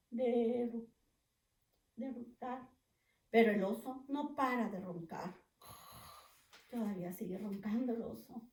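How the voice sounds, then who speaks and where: A woman preschool teacher reads a picture book aloud, slow and gentle, with a somewhat high voice. She pauses to ask the children questions. The recording is echoey, with the mic set far back. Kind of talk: children's storybook read-aloud.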